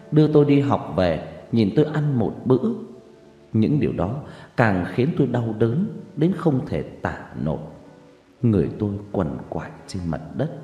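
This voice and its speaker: Sad dramatic story narration, guy with a low dark voice, big echoey reverb. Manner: mournful, dramatic. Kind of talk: emotional first-person story narration.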